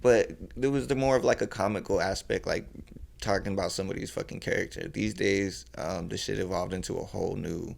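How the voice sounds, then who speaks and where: A young man with a deep, heavily gravelly voice that stays low and level, with little rise and fall. He talks loosely and at length as a podcast guest, full of fillers and swearing. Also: fairly even intonation, a little fast. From California. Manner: laid-back, rambling, heavy swearing and fillers. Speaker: podcast guest, battle rapper. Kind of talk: casual podcast chat.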